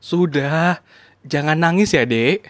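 The lesson narrator voicing a kind young man who gently comforts a crying child in a scripted dialogue. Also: mid-range voice, takes it slowly, dry recording, clean studio sound, close to an everyday voice. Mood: soothing. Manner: gentle, soothing, reassuring.

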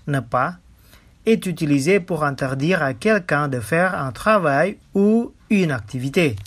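A woman presenting a scripted radio language lesson, speaking slowly and repeating each phrase twice. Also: sits low.

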